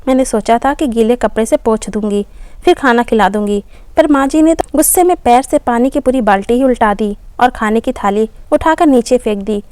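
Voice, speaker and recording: A woman's voice: a little high, normal speed, a little mellow, no echo, close to an everyday voice. A woman voicing a tired housemaid who complains about her hard work. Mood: weary, complaining. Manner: complaining, weary. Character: worn-out housemaid, tearful and complaining.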